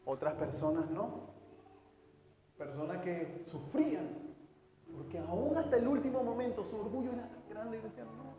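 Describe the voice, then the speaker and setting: High-voiced preacher in an echoing church. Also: male voice, moderate pace, long pauses, dull audio, a crowd in the background. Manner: emotional storytelling with sudden loud outbursts and soft drops. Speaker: pastor. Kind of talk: sermon. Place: church hall. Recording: echoey church hall with music.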